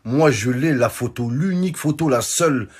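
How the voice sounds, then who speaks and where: Husky young man joking in slang. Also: medium pitch, expressive, moderate pace, darkish tone. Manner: joking, slangy street French. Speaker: comedian vlogger. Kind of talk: casual comic monologue.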